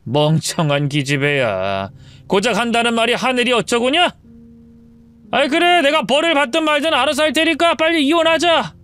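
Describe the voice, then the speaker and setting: A man's voice: very high voice, lively intonation, moderate pace, a bit bright, smooth, voice pushed up. A woman voicing a cruel cheating husband who mocks and insults his wife. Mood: dismissive. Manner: sneering, insulting. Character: cruel cheating husband, contemptuous, middle-aged.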